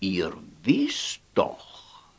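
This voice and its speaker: Storyteller as a calm, dignified old god in a spoken storybook, very slow, measured, gracious. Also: medium pitch, pitched above the performer's own voice, full character voice.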